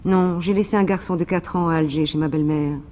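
A man reading as a calm, steady young father. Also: on the high side, fast, slight background noise, natural voice. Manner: calm, composed.

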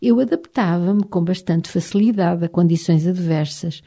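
Low, very dark-voiced Portuguese woman narrator. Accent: European Portuguese. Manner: measured, expressive reading. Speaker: audiobook narrator. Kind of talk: scripted first-person audiobook narration.

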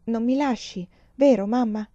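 A sick little girl whimpers in a high, thin, plaintive voice that wavers as if half in a dream, as a woman reading a storybook aloud puts her on. The sound is warm and slightly muffled, as on a dry home recording. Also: normal speed, no room sound, close to an everyday voice. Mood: pleading. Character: feverish little girl, delirious and clinging.

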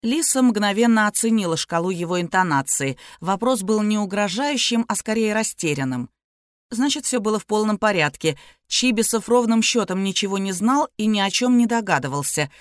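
A woman reading an audiobook in measured, even narration. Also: mid-range voice, no echo, studio quality. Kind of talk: scripted narration.

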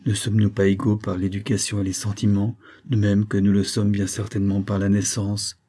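A man voicing a gentle, earnest young woman in an audiobook, pleading softly with a friend. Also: lowish voice, completely flat delivery, brisk, husky.

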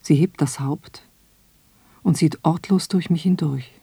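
A woman reading her own radio essay in a slow, measured, reflective way. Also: deep voice, gravelly, dark tone, breathy edge, no echo. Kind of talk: scripted radio essay narration.

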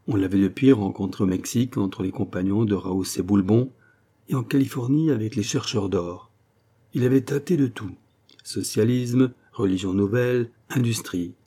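A man reading a classic novel aloud in a measured, expressive narration. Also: lowish voice, breathy edge. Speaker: audiobook narrator. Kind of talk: scripted literary narration.

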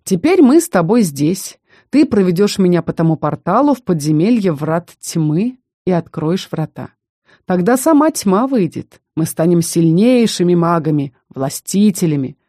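A woman's voice: on the low side, big pitch swings, normal speed, dark tone, no room sound, studio quality. A woman voicing a scheming male necromancer. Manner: mocking, coaxing. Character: menacing male necromancer magister, cruel and scheming.

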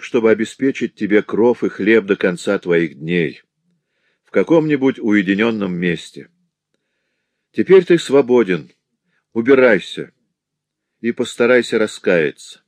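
A man's voice: low-pitched, animated, normal speed, fairly bright tone, slightly rough, no room sound, exaggerated voice. A man reading an audiobook, voicing a grave, commanding nobleman. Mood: stern. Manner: solemn, commanding. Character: solemn noble prince, stern and grave.

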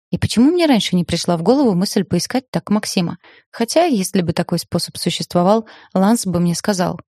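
A woman reads a first-person novel aloud with a dry, ironic edge. Her voice is lowish and mellow, set close to the mic in a dead, dry space. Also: dry recording. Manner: wry, ironic storytelling. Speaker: audiobook narrator. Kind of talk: first-person audiobook narration.

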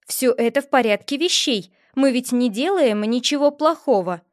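A woman's voice: animated, moderate pace, dry recording, clean studio sound. Woman voicing a spoiled, fiery young princess. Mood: coy. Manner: sweetly innocent, then shrill and furious. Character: haughty young princess, spoiled, quick to rage. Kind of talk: audiobook character voice.

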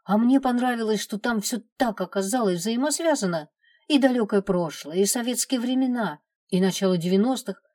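A woman's voice: fairly high pitch, fairly quick, dark tone, no echo, voice pushed up, lightly acted. A woman voicing an enthusiastic young woman praising a story among friends at a campfire.

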